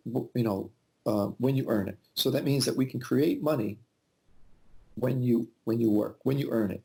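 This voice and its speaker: A man's voice: mid-range voice, gravelly, mellow. A man in his forties, born in Yugoslavia and raised in the United States, answering interview questions thoughtfully with frequent fillers and restarts over a video call. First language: Albanian. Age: 40s. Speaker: interview guest. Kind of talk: casual interview conversation.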